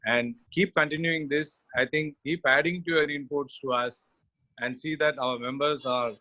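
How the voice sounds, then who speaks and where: A man with an Indian accent giving a measured, formal vote of thanks as an association official. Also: mid-range voice, bright, forceful tone, no echo, poor audio. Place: online webinar call.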